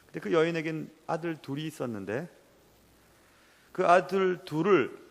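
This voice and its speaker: A man's voice: fairly high pitch, creaky, in a large hall. A man preaching a sermon as pastor, earnest and emotional.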